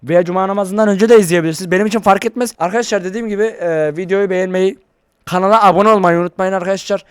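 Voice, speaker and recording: A man talking casually to his viewers in a vlog, rambling and excitable, into a desk microphone. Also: high voice, racing, clear, resonant tone. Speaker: YouTuber. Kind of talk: casual vlog talk to camera.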